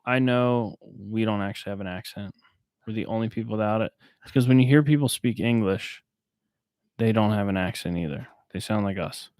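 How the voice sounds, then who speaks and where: A man's voice: fairly low pitch, fairly quick, a little mellow, clean tone, dry recording. A man, co-hosting a podcast, recapping a movie in a rambling, laid-back way with frequent laughs. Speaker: podcast co-host. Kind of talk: casual movie-recap chat. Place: small warm room, under a heater.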